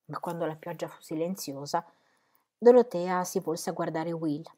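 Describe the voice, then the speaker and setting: A woman reading a classic novel aloud as an audiobook, calm and even. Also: lowish voice, moderate pace. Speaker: audiobook reader. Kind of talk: literary audiobook narration.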